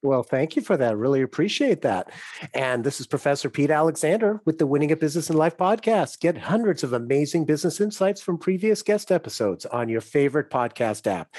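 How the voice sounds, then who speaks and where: A man's voice: on the high side, animated, fairly quick, a little mellow, dry recording. A man hosting a podcast, an upbeat and appreciative interviewer asking his guest questions. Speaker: podcast host. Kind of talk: casual interview talk.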